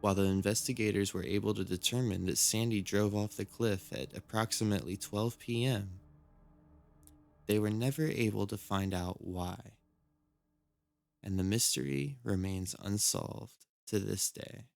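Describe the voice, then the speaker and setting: A man reads scripted true-crime horror narration in a measured, solemn storytelling manner. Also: lowish voice, vocal fry, no room sound. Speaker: narrator of a creepy mystery series. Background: background music.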